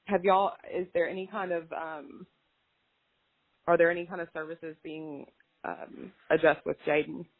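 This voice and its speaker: A woman speaks cautiously on a phone call, hesitating and softening her words. Her voice is gravelly and a bit husky. The line sounds narrow and tinny. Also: low-pitched, little pitch movement, a little slow. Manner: cautious, soft-spoken, many hesitations.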